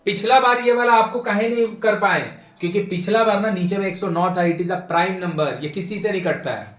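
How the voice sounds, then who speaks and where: Young male teacher, high-pitched, brisk and repetitive, recorded in an echoey classroom. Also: fairly bright tone. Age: young adult. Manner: brisk and insistent, repeats himself, prods students. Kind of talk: classroom maths lecture. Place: classroom with a board.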